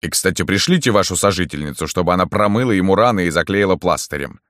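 Man voicing a commanding storybook boss, calm and confident, deep voice, dry sound. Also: dry recording. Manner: measured, authoritative.

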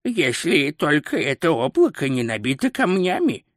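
A man's voice: a little high, very animated, normal speed, no echo, clean studio sound. A man voicing a nervous, fussy court astrologer in an audiobook, hesitant and pedantic. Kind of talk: audiobook character voice.

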